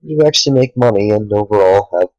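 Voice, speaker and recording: A tired young man talking earnestly to the camera late at night, a small YouTuber speaking in halting sentences with sighs. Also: on the low side, expressive, a little mellow, no echo, muffled recording. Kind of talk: sincere direct-to-camera talk.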